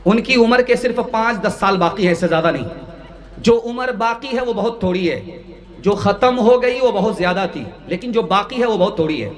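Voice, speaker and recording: Over an echoing loudspeaker system at a large religious gathering, a very high-pitched male preacher delivers a brisk sermon. He shifts from declamatory, melodic chanting and sung poetry to plain storytelling and anecdotes, with faint music audible.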